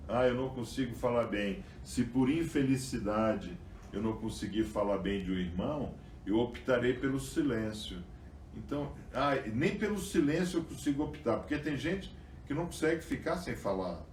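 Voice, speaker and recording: A man's voice: fairly low pitch, a little mellow, roomy sound, far from the mic, a little hiss or hum. A man giving a Bible study lecture, tagging his sentences with "tá?" and "né?" and reading passages aloud with emphasis. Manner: frequent "tá?" and "né?" tags, reads passages aloud with emphasis. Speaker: religious teacher.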